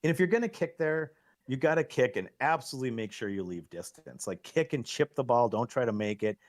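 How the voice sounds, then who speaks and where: A middle-aged man giving excitable, coaching commentary on a live pool match, laughing at himself often. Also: medium pitch, brisk.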